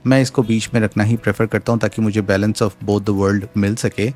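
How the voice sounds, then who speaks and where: A man's voice: lowish voice, steady tone, normal speed, a little mellow. A man giving a casual product demo at home, explaining settings step by step and mixing in English phrases. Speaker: tech reviewer. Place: home room with a fan running. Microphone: studio USB mic at varying distance.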